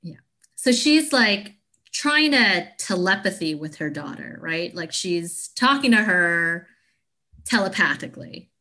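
A woman's voice: lowish voice, expressive, measured pace, sharp tone. Reflective American woman podcaster. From United States. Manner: reflective, thoughtful, trails off. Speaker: podcast co-host. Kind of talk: casual chat.

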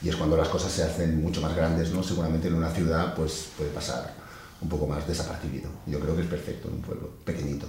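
A man's voice: a bass voice, little pitch movement, fast talker, a little mellow, very echoey, a little hiss or hum. A man from Barcelona, an actor, speaking thoughtfully in an interview and often ending with tag questions. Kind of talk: casual interview talk.

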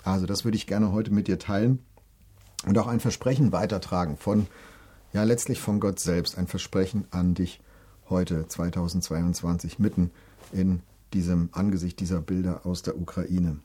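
A middle-aged man giving an earnest devotional talk, speaking directly to the listener and reading scripture slowly. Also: deep voice, fairly even intonation, warm tone, slightly rough. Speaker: preacher.

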